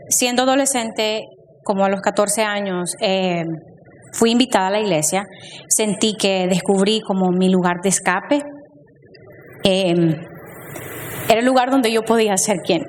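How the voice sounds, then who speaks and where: A young woman gives a personal testimony at a church panel, with many pauses and fillers. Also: mid-range voice, a little hiss or hum. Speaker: church member sharing her testimony. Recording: reverberant hall with faint ambience.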